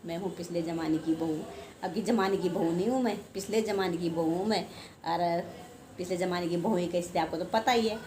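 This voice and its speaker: A woman's voice: on the low side, a little fast, darkish tone. An older woman talks to her viewers in a chatty, rambling way. She pokes fun at herself as she goes. A faint hum of room noise sits under her voice. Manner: chatty, rambling, self-deprecating. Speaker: home vlogger. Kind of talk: casual chat to camera.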